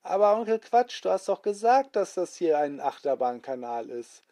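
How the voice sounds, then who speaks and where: A man voicing an excited young child on a sailing adventure, full of eager questions. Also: sits high, moderate pace, pitched above the performer's own voice. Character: excited young child sailors, Rummel and Bummel.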